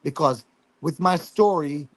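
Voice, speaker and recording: A man's voice: fairly high pitch, a little slow, no echo. A man with a Jamaican accent and Patois turns of phrase, telling stories casually as an interview guest, emphatic and often repeating himself.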